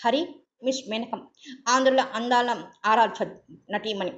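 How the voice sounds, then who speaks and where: A woman's voice: fairly high pitch, steady tone, close to an everyday voice. A woman playing a chatty, jovial middle-aged host. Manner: brisk, loud and jovial. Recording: dull lo-fi audio.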